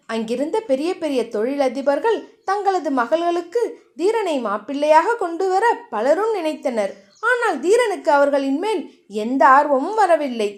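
A woman narrating a romance novel chapter in a steady storytelling manner. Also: high-pitched. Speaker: audiobook narrator.

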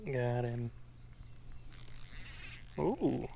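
A folksy man hosting a fishing vlog talks casually to camera while out on a small lake in a small boat, addressing viewers as folks. His voice is medium-pitched, creaky and dark, extremely slow, with big pitch swings. An action camera worn on or near him records it along with outdoor noise.

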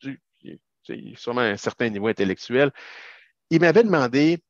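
A man's voice: medium pitch, animated, brisk, no room sound, muffled recording. A man from Quebec with a Québécois accent, giving an emphatic, chatty webinar presentation to business owners over a video call. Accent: Québécois French. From Quebec, Canada. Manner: emphatic, chatty with informal asides. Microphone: video call webcam.

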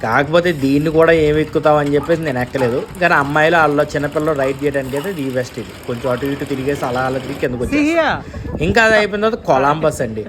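A young Indian travel vlogger with a Telugu accent narrates an outdoor amusement park on a handheld action camera, talking directly to viewers over noisy park ambience. His voice is fairly high and expressive, and he speaks very fast.

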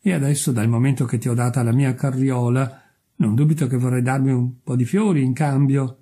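Guy reading as a smug preachy miller, dark husky voice, full of himself. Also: medium pitch, steady tone, fairly quick, natural voice. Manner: pompous and self-righteous. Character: selfish, smug miller, grown man.

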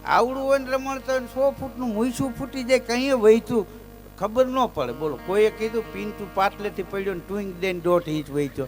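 High-voiced man telling folk jokes. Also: brisk, soft background music. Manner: chants verse loudly, then chats and lands punchlines. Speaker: folk storyteller on stage. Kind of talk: live folk storytelling with recited verse and jokes. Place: live stage event.

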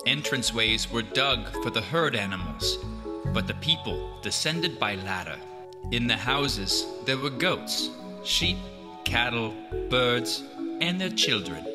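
A man voicing an ancient male Greek chronicler in a slow, drawn-out comic reading voice, over background music. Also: mid-range voice, very animated, big-room sound. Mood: mock solemn.

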